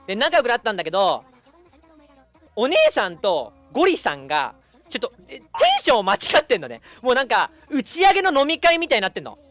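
Lively young man telling a story. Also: high-pitched, fast talker, soft background music. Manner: animated, acts out quoted people. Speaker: streamer. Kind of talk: casual storytelling chat.

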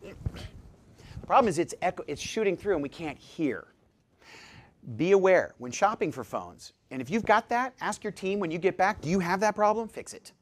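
A man giving a live seminar talk as presenter, jokey and lively, quizzing his audience with questions. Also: high voice, moderate pace. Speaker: presenter at a dental practice seminar.

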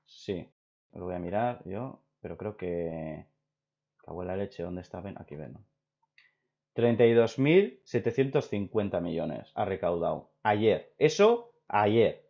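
A young man from Spain with a Spain Spanish accent, hosting a casual opinion chat and rambling excitedly with many restarts. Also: sits low, measured pace, vocal fry. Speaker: video host. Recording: dull lo-fi recording.

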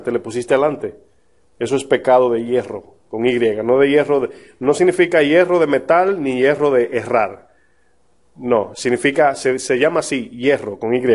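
A man pastor teaching a Bible study to a live audience, talking in a relaxed, conversational way and often checking in with his listeners with questions. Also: medium pitch.

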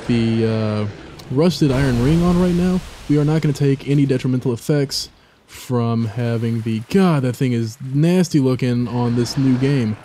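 A man's voice: medium pitch, warm tone, a little hiss or hum. A young man giving casual, rambling gameplay commentary with many fillers and asides. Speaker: let's play commentator.

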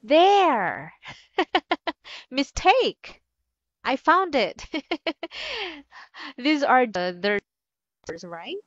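A woman's voice: sits high, big pitch swings, drawn-out words, pauses often, fairly bright tone, dry recording. A woman teaching an online English lesson, cheerful and encouraging, laughing often. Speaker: ESL teacher. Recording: dull lo-fi sound.

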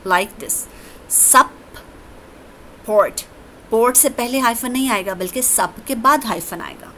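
A woman teacher, giving a deliberate grammar lesson that moves between English and Urdu. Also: mid-range voice, sharp tone, a little hiss or hum, low-quality recording.

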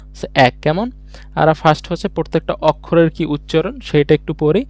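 A man's voice: on the high side, mellow, no echo. A man teaching a beginners' language lesson online, explaining each step patiently and answering his own questions as he goes. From Bangladesh.

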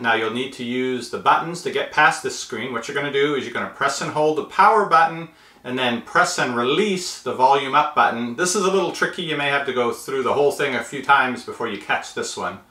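Seated at a table in a small, echoey indoor room, a fifties-aged tech tutorial host gives methodical step-by-step instructions. He speaks at a medium pitch with a bright, forceful tone.

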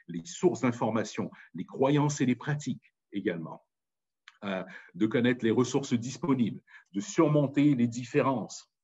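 A man from Paris with a noticeable Parisian accent delivers a public talk, pressing his points with emphatic insistence. His voice is somewhat husky and mid-pitched. The recording sounds muffled and lo-fi. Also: a little mellow. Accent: Parisian French. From France. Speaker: speaker. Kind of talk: public talk on language and community.

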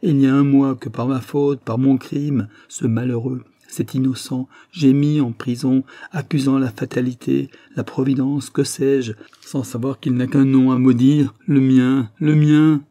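A man's voice: mid-range voice, flat delivery, moderate pace, few pauses, mellow, no room sound, lightly acted. A man voicing a tormented young man confessing. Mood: desperate. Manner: tormented, rising to desperate outbursts. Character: anguished guilt-ridden young man confessing. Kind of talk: audiobook reading.

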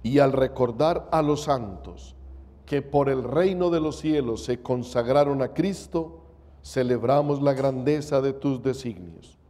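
Slow solemn priest in cathedral-like echo. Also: male voice, mid-range voice, warm tone. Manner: measured, reverent. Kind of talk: solemn liturgical prayer and preaching. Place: indoor chapel, at altar and lectern. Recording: echoing chapel with long reverb.

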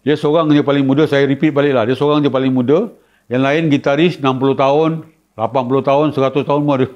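A man with a Malaysian Malay accent, casually telling a funny story about a gig. He laughs often and acts out a shrill scream. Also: fairly even intonation, quick pace. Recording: dull lo-fi sound.

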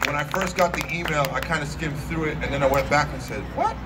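Male event MC, slightly high voice, informal podium speech outdoors, recorded with loud background noise. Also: steady tone, quick pace. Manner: informal, joking, addressing a crowd. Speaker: master of ceremonies. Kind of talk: public ceremony speech with casual asides. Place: outdoor stage, recorded from back in the audience. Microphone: podium microphone, picked up by a distant camera. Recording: distant, very noisy outdoor audience recording.

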